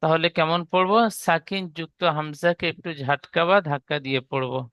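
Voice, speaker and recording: Male Quran reading tutor with a Bengali accent. Bright, crisp voice, dry close sound. Patient, step-by-step drills. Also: fairly high pitch, fairly quick, dry recording. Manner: explains step by step, has students repeat the rules aloud. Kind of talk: slow recitation lesson with repetition.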